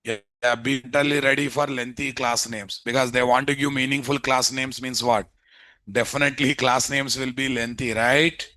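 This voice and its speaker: A man's voice: mid-range voice, fairly even intonation, moderate pace, pushed and bright, no room sound. A man with a Telugu Indian accent teaching programming in a live online lecture, dictating notes, repeating phrases and quizzing listeners with tag questions. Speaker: programming instructor. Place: indoors, live screen-share online class.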